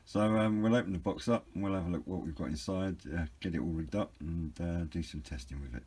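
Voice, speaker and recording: A British man does an informal unboxing and review of a hobby product, hesitant and understated, rambling a little as he explains. His low-pitched voice is fast, with a darkish tone and a breathy edge.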